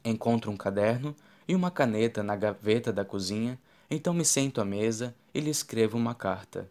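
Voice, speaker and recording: A man narrating a novel in the first person, with steady, even reading. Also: fairly low pitch, fairly quick. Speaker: audiobook narrator.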